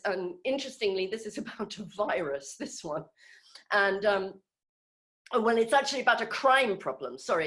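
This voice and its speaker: A woman giving an informal talk on a video call, conversational and hesitant, with many fillers and restarts. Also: medium pitch. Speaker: speaker in an online group session.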